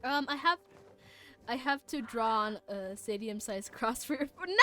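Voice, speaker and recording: With music playing behind her, a woman chats casually during a game livestream, playful, easily flustered and stammering. She speaks unhurriedly in a high voice whose pitch swoops wildly.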